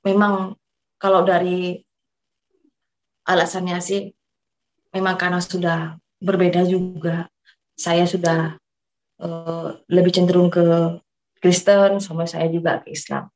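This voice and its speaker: A woman's voice: lowish voice, flat delivery, a little slow, pauses often, a little mellow, low-quality recording. A woman from East Java, Indonesia, giving a personal religious testimony, telling her story earnestly and often addressing her listeners as brothers and sisters.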